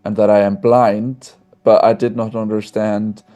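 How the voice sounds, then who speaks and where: A man in his twenties from Iceland, a podcast guest talking openly and warmly over a video call, often restarting his sentences. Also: on the low side, flat delivery, a little slow, dull audio. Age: 20s. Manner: friendly, open, with frequent restarts. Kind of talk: casual conversational interview.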